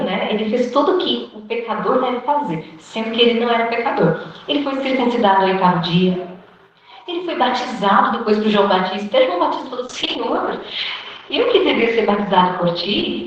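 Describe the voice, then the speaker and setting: Brazilian woman preaching in an echoey hall. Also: a little high. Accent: Brazilian Portuguese. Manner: conversational, acts out quoted dialogue, frequent "né?" tag questions. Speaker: women's ministry teacher. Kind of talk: informal sermon to a women's group. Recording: echoey room, distant mic, dull lo-fi sound.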